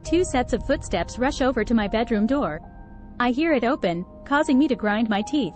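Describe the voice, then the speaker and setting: A woman's voice: on the high side, expressive, normal speed, darkish tone. A woman narrating a first-person horror story with a tense, dramatic delivery. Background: faint background music.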